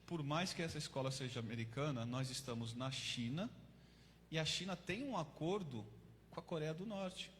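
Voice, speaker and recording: A man voicing a male school principal who explains firmly and gravely that he cannot help. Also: a little high, animated, normal speed, fairly bright tone, big-room sound, a little hiss or hum, pitched below the performer's own voice. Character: stern male school principal, apologetic but firm.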